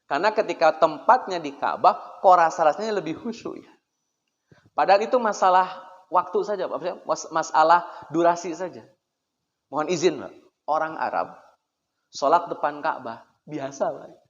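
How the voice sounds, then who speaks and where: A man lectures on faith in a casual, talkative way, pausing to put questions to his listeners and answering them himself. His voice sits a little high for a man. The recording is dull and lo-fi, with a long echo from the hall around him. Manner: chatty, poses rhetorical questions, keeps addressing listeners as sir. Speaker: Islamic preacher. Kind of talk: conversational religious lecture. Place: prayer room. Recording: echoey hall, dull lo-fi sound.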